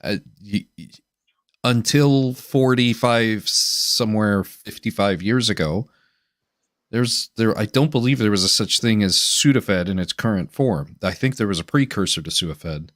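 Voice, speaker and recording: A man hosting a casual chat on a video call, halting, with many restarts and fillers. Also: on the low side, a bit bright, dry recording, studio quality. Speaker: host.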